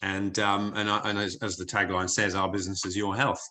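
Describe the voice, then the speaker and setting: This deep-voiced man from the UK talks fairly quickly with little pitch movement, his English accent slightly shaded by New Zealand. He's giving a chatty wellness presentation online for a company, stumbling through fillers and restarts.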